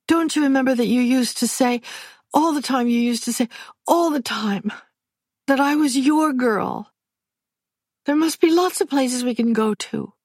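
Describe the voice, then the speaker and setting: A woman's voice: high-pitched, unhurried, darkish tone, no room sound, studio quality, pitched above the performer's own voice. A woman voicing an earnest young woman pleading with her father in a stage scene.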